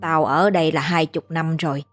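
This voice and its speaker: A woman's voice: low voice, fairly even intonation, moderate pace, soft background music. Woman doing an old village grandmother for a spoken story; blunt, scolding, down to earth. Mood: dismissive.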